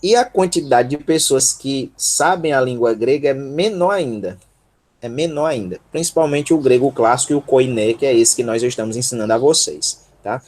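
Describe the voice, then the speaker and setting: Leading an online workshop, a Brazilian Portuguese-accented man breaks Greek down syllable by syllable at a moderate pace. His pitch is medium and his tone darkish. Patient and encouraging, he keeps checking in with the students.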